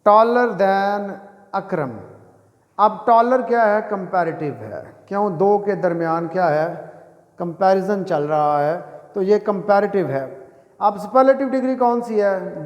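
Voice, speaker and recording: A man teaching English grammar, dictating example sentences slowly and deliberately, then asking questions and answering them himself. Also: sits high. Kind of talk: grammar lesson. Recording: echoey room with long reverb.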